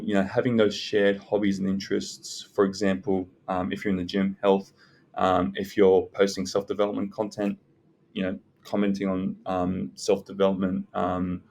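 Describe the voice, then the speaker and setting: A man giving unscripted self-development advice as a content creator, speaking in a hesitant, halting way with pauses. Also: fairly low pitch, a little mellow. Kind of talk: unscripted advice talk to viewers. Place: indoors in a library.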